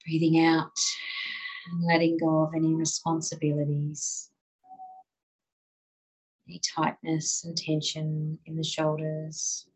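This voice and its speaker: A woman guiding a listener through muscle relaxation in a slow, soothing voice. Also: low-pitched, completely flat delivery, a little mellow, breathy edge, low-quality recording. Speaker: relaxation guide. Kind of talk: guided relaxation.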